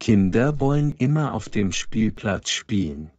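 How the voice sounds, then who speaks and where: A man slowly reading example sentences aloud for language learners, each one twice. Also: on the low side, big pitch swings, a little mellow, no room sound, lo-fi sound. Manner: reads each full sentence twice, clearly and evenly.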